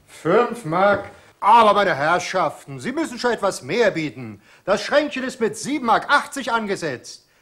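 An actor playing a brisk male auctioneer in an old film, calling out bids in a coaxing, sing-song way. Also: high-pitched, very animated, pushed and bright, heavily acted. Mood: coaxing, salesmanlike.

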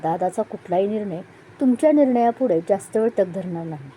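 A woman's voice: medium pitch, animated, brisk, warm tone, a little hiss or hum, lightly acted, rough recording. A woman voicing a playful young man who teases his elder brother, in an audio story. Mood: teasing. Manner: teasing, playful.

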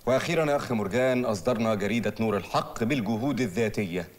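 An actor with an Egyptian accent playing an earnest young student leader who preaches in formal phrasing. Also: male voice, on the low side, racing, natural voice. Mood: preachy. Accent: Egyptian Arabic. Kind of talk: comic film acting.

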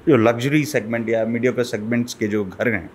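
This time the guest expert's mid-pitched voice sounds slightly mellow and fairly even, with a touch of background noise. Seated at a boom-arm desk mic on a small studio set, the middle-aged man walks through his explanation carefully, dropping English terms into his speech.

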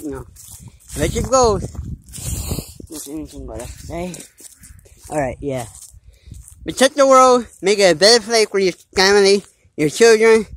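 A woman vlogging in a playful, rambling way who turns earnest when she signs off. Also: lowish voice. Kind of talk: casual vlog chat. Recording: faint background noise.

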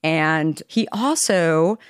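Bubbly, smooth-voiced woman podcast host. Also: no echo, clean studio sound. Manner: bubbly, effusive, quick bursts of high excitement. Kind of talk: enthusiastic interview intro.

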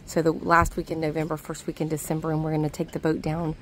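Woman doing a chatty boat vlog outside, laughs a lot, low-ish voice, bit of background noise. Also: completely flat delivery, fast. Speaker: vlog co-host. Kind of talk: casual vlog chat.

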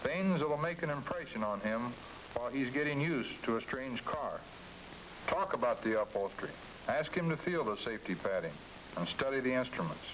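A middle-aged American man with a medium-pitched, fairly bright voice coaches salesmen in a scripted, folksy 1950s training-film style, addressing them directly as "you." He's a company executive presenting a dealer training film, and the rough recording carries the hiss of an old 1950s film soundtrack.

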